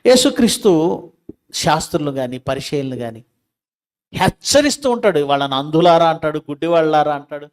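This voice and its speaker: Emphatic preaching man, higher-pitched voice. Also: very animated, normal speed, long pauses. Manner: preaches with rhetorical questions to the listeners; sharp swings between loud emphatic lines and quiet asides. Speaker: pastor. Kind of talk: sermon.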